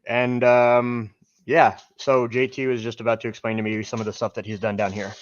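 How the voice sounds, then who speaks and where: A man hosting a casual game stream, chatting in a halting, friendly way with lots of fillers. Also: medium pitch, level tone, no room sound, highs cut off. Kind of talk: casual gameplay chat.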